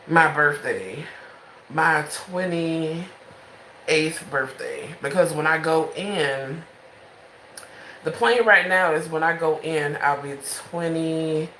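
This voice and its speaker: A woman's voice: low-pitched, fairly bright tone, reverberant, a little hiss or hum, poor audio. A woman in her twenties talking casually and frankly in a late-night home vlog, rambling between thoughts, with the phone held in her hand. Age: 20s. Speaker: vlogger.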